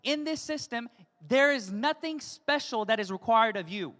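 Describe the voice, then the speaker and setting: A woman's voice: fairly high pitch, lively intonation, measured pace, a bit bright. A woman giving a motivational stage talk in short chunks, often checking in with the audience with "yes?". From United States. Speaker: motivational speaker at a business event. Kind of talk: stage speech with consecutive interpretation. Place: large hall stage. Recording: hall with long reverb.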